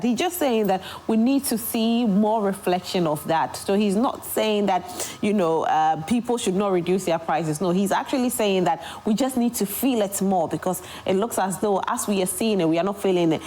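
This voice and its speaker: A woman's voice: mid-range voice, darkish tone. Ghanaian woman hosting, noisy background. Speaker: TV morning show host reading viewer messages. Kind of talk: reading out viewer messages with brief comments. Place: broadcast studio.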